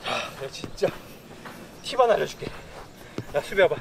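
A man in his thirties runs football players through drills outside, issuing quick instructions and orders picked up by a distant camera. His gravelly voice swings widely in pitch, and a crowd can be heard behind him.

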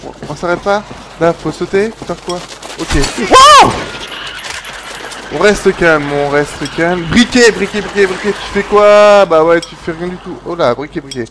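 Excitable French gaming commentator. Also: male voice, sits high, normal speed. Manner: excitable, yelps and chatters. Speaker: gaming YouTuber. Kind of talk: casual game commentary. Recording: game noise behind voice.

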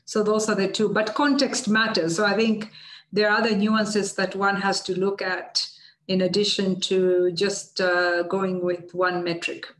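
A middle-aged woman from Tanzania answering seminar questions on a video call, measured and full of fillers. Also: medium pitch, level tone. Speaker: guest speaker, UN official. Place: office with banners behind. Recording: roomy video call audio.

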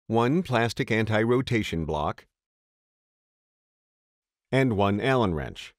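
Male narrator, lowish voice, dry booth sound, calm measured instructional read. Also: no echo. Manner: steady, measured reading of steps. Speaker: tutorial narrator. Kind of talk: scripted instructional voice-over.

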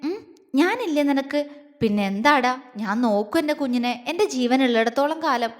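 A woman voicing a doting young husband, soft and coaxing. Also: high voice, expressive, normal speed, long reverb tail, soft background music. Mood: tender. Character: tender, teasing young husband.

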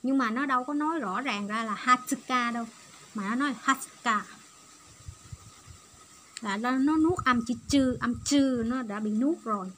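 A woman's voice: fairly high pitch, a little fast, slight background noise. A woman giving a patient, step-by-step online language lesson. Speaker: Japanese language teacher.

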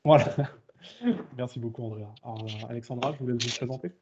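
A man's voice: medium pitch, fairly quick, a little mellow. A man with a Rouen accent hosting a webinar in casual chat, mumbling into his moustache. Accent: Rouen French. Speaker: webinar host. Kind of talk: casual online meeting chat. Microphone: video call. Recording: dull lo-fi video call audio.

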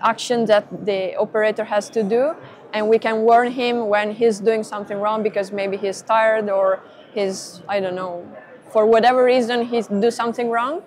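A woman's voice: mid-range voice, fairly even intonation, moderate pace, a little mellow. A young woman, a perception engineer explaining her work step by step at a trade-fair booth, recorded on a lapel mic. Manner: methodical, explains step by step with fillers.

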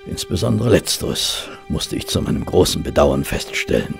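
An actor playing Dr. Watson, a genial English physician telling of a detective case in a German radio drama. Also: male voice, rumbling low, very animated, moderate pace, gravelly, faint music behind, exaggerated voice. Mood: grave, wry.

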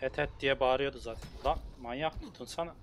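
A man playing a video game on stream and talking as he goes, with quick exclamations and frequent swearing. His pitch sits in an ordinary middle range, and a faint hiss of noise runs under his voice. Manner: excitable, swears often, talks to himself while playing. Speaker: gamer streamer. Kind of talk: casual let's-play commentary.

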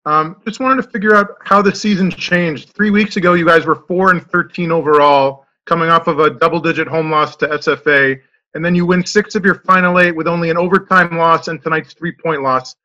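High, bright-voiced reporter on a call. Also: male voice, fairly even intonation, a little fast, highs cut off. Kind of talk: asking a question on a call.

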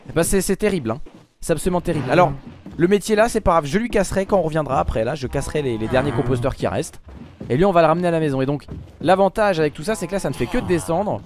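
A gaming YouTuber records let's play commentary, speaking to his viewers and to the game's characters. He swings from low muttering to sudden loud outbursts, talking very fast with lively intonation.

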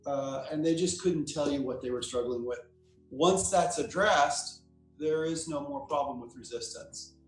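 Male therapist guest, slightly high voice, echoey room, chatty storytelling. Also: a little slow, faint music behind. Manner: relaxed anecdotal explaining, acts out quoted lines. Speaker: psychotherapist guest. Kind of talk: interview answer, storytelling. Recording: roomy echo.

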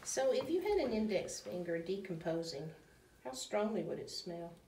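A middle-aged woman giving deliberate documentary commentary and casual questions in a measured way. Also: medium pitch, very animated, warm tone, reverberant, far from the mic, rough recording. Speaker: investigator and narrator. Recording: noticeable background room noise.

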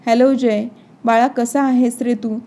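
A woman's voice: on the high side, steady tone, unhurried, mellow. A woman reading a sweet, timid older housemaid. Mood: sweet, confused.

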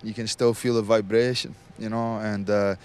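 A man being interviewed, talking in a relaxed, rambling way with many fillers, recorded outdoors at a festival. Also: lowish voice, normal speed, smooth. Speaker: interviewed singer. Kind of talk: casual interview.

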